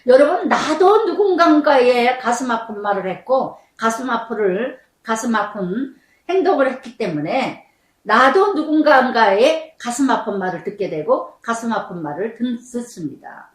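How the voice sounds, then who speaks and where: A woman's voice: on the high side, big pitch swings, a little slow. An older woman pastor giving a sermon, telling a personal testimony and acting out remembered quarrels with strong emotion. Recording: echoey church hall, mic at a distance.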